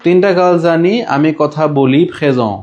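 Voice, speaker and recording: Man teaching French, fairly high voice. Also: a little mellow, highs cut off. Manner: explains in Bengali, slows down to say French phrases. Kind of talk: live online language class.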